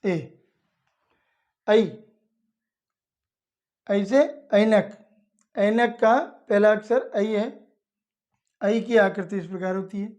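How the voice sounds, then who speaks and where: A woman's voice: medium pitch, steady tone, drawn-out words, pauses often, a little mellow. A woman teaching young children, explaining each step patiently and repeating it plainly. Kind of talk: slow step-by-step lesson for children.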